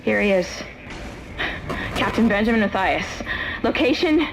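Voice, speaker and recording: An actress playing a curt female ship technician in a horror game, talking in a brisk, matter-of-fact way. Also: mid-range voice, expressive, a little hiss or hum, rough recording.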